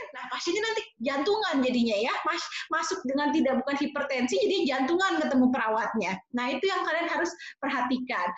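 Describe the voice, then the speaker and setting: A woman from Jakarta giving a casual nursing lecture, expressive and fairly loud, chatting with plenty of fillers. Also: high voice. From Jakarta, Indonesia. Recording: roomy, slightly dull lo-fi sound.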